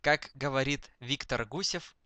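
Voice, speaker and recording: A man dictating text slowly to speech recognition, speaking each punctuation mark aloud, word by word. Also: mid-range voice, pushed and bright, dry recording. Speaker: dictation demonstrator.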